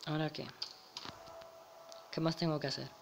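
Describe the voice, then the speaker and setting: A man's voice: on the high side, flat delivery, normal speed, creaky, a little hiss or hum. A young man with a Spain Spanish accent commenting casually over a game, chuckling and reading the dialogue aloud. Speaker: gamer. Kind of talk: let's play commentary.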